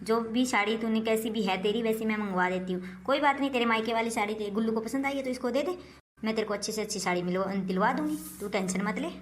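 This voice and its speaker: A woman playing a fussy, scolding mother-in-law who favors her daughter, in a home-made comic family skit, talking in a quick nagging manner. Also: fairly high pitch, slight background noise, lightly acted. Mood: coaxing.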